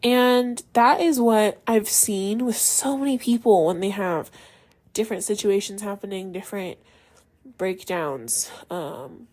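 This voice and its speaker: A woman's voice: mid-range voice, a little slow, a little mellow. A young adult woman hosting a podcast, telling a personal story in a casual, chatty way with many fillers. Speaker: podcast host.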